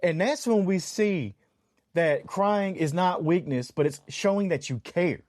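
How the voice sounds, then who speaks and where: A man co-hosting a casual podcast, with a notably high voice for a man. He talks earnestly and often repeats words while working toward a point. The sound is close and dry. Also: measured pace, a little mellow, no room sound. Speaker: podcast co-host. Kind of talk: casual chat.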